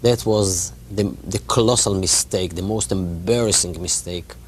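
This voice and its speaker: A man in his fifties, raised in Israel, answering interview questions as an author, often halting and repeating words. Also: low voice. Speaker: author guest. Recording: faint background noise.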